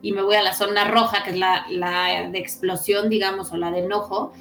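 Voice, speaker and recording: A woman's voice: medium pitch, flat delivery, moderate pace, a bit bright, reverberant, faint music behind. A woman psychologist, explaining in casual podcast talk and often ending her points with "¿no?". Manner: explanatory, frequent "¿no?" tags. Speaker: psychologist guest.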